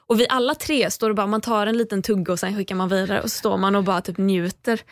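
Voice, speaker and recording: A woman's voice: medium pitch, fairly even intonation, no echo, studio quality. A young woman, a podcast guest, tells a story in casual chat, swears often and acts out what people said. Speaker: podcast guest, reality show contestant.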